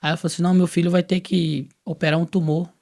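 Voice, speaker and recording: A man's voice: fairly high pitch, very fast, creaky. A man from Brazil telling his personal testimony in a casual, storytelling way, acting out the dialogue he quotes. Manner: lively storyteller who acts out quoted dialogue.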